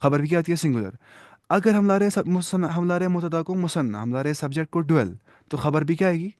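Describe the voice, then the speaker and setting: A man's fairly high-pitched voice with a darkish tone leads a classroom-style Arabic lesson. He patiently quizzes students, praises their answers, and mixes English words into what he explains, all captured in clean, echo-free studio sound.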